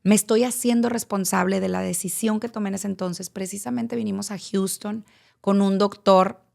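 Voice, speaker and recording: A woman in her late thirties with a Mexican accent shares a frank personal testimony on a podcast. Her voice sits at a middle pitch with a gravelly, frying edge. She talks straight to the listener and swears casually. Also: fairly even intonation, normal speed, darkish tone. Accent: Mexican Spanish. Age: late 30s. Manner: candid, addresses listener directly, casual swearing. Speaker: podcast guest.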